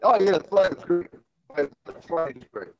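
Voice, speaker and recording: A man's voice: sits high, animated, moderate pace. A man calling in from an airport to a live chat, his voice breaking up over a bad connection as he gives brief, loose greetings. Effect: choppy, breaking-up bad call connection. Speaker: guest calling in. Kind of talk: casual chat. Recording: dull lo-fi choppy call audio.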